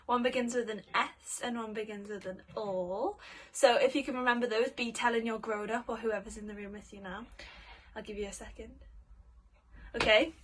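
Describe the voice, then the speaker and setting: A woman singing teacher giving spoken warm-up instructions, explaining simply and encouragingly, step by step, as if for children. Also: a little high, fairly even intonation, normal speed, breathy edge, low-quality recording.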